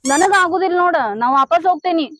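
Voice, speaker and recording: A woman's voice: very high voice, fast, a bit bright. An actress playing an indignant young bride who scolds her fiancé, speaking with a North Karnataka Kannada accent in a comic short film. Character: indignant young bride, quick to take offence. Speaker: actor. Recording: muffled sound with faint background noise.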